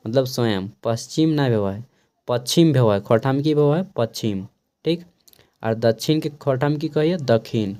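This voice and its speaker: A man with a Khortha-inflected Hindi accent teaching an exam-prep lesson, explaining slowly and often checking with a quick "okay". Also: mid-range voice, dark tone.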